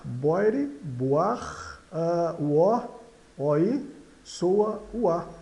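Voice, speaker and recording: A man teaching French pronunciation, halting and full of fillers. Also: high voice, dark tone. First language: Portuguese. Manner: slow, halting, many fillers and repetitions. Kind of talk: explaining pronunciation rules.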